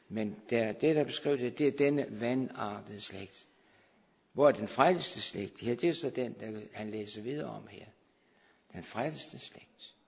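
A man preaching a fervent sermon in a church hall, exhorting, with sudden loud swells and low drops. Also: creaky, breathy edge. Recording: dull, long-reverb hall sound.

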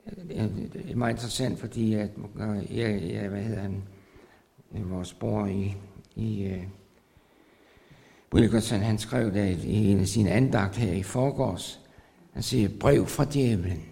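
A man preaching a sermon. He repeats his phrases and pauses with fillers, then builds to loud, drawn-out emphasis. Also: on the low side, steady tone, vocal fry. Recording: long hall reverb.

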